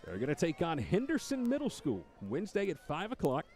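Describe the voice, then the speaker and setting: A man calling high school football play-by-play, rising to shouts on big plays. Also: huge pitch swings, fairly quick. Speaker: play-by-play announcer.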